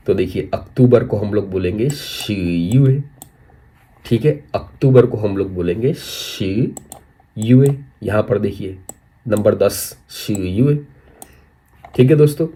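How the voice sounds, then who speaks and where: A young man teaching Chinese vocabulary, repeating each word slowly several times and drawing out the syllables, checking in with viewers as friends. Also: lowish voice, warm tone, slightly rough. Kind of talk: slow spoken language lesson.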